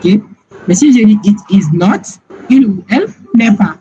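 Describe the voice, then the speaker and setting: A man teaching English grammar in a slow, repetitive classroom style, often checking whether listeners follow. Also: high-pitched, animated, dark tone. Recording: dull lo-fi sound with clear background noise.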